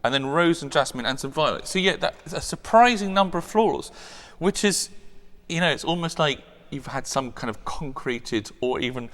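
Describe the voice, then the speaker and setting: A man's voice: a little high, expressive, moderate pace, hardly any pauses, fairly bright tone, long reverb tail. A man chatting enthusiastically as co-host of a perfume review, rambling with many restarts. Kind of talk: casual chat.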